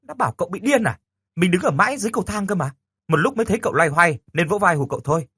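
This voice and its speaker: A bossy teenage girl who shrieks and scolds in sharp bursts, as a male storyteller puts her on. Her voice is high, tense and husky, swinging wildly in pitch. It sounds dry and close, with no room around it. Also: expressive, very fast, no room sound, exaggerated voice. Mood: indignant. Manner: squeals and scolds in outbursts. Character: shrill bossy teenage girl, quick to shout.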